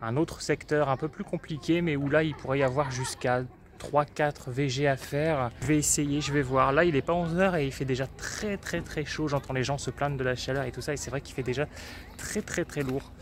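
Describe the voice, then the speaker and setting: A man's voice: mid-range voice, fairly even intonation, a little fast, slight background noise. A man narrating a casual vlog about his flea-market finds, chatty and hesitant with many fillers.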